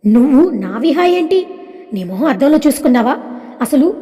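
A woman's voice: high-pitched, big pitch swings, normal speed, dark tone, in a large hall. A woman voicing an angry young husband who accuses a stranger in a storybook reading. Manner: harsh, accusing.

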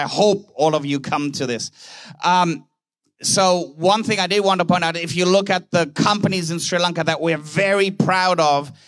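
A man with a fairly high voice delivers a keynote speech at a conference. He tells anecdotes and acts out short exchanges between characters. The sound is dry and close, picked up on a stage microphone. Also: fairly bright tone, no echo. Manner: anecdotal, plays out dialogue in quick voices. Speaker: conference speaker, banker. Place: conference hall.

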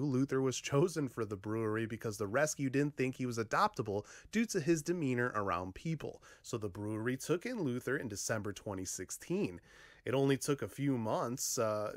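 A man's voice: medium pitch, no echo. A man in his thirties reacting to a news story in a home vlog, chatty, with frequent "uh" fillers, speaking into a studio microphone in a small room. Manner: chatty, frequent "uh" fillers, animated hand gestures. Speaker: vlogger. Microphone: studio condenser mic on a stand in front of him.

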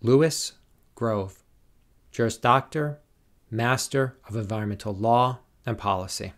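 A man formally reading out graduates' names and degrees at a commencement, in a slow, measured, deliberate way. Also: mid-range voice, fairly bright tone. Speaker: commencement name reader.

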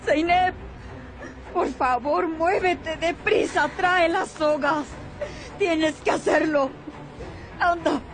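An older soap-opera woman who pleads and commands in a high, urgent voice. She speaks slowly and deliberately, with dramatic music swelling behind her. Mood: pleading. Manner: urgent and pleading, giving orders. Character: tense older woman urging a young woman on. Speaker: dubbing actress in a soap opera. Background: dramatic background music.

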